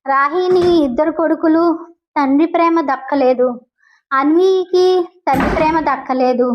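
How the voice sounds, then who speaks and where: A grave older businessman and father figure in an audio story, voiced by a woman reader in a high voice. He speaks in measured appeals, and the recording sounds dull and lo-fi. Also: noisy background, natural voice. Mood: earnest. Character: stern elderly businessman, guardian figure.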